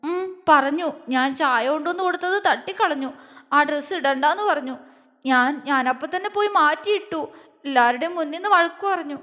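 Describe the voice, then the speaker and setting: A woman's voice: high-pitched, brisk, close to an everyday voice. A woman voicing a shy, timid young woman who speaks hesitantly and stammers, with a long reverb on the voice.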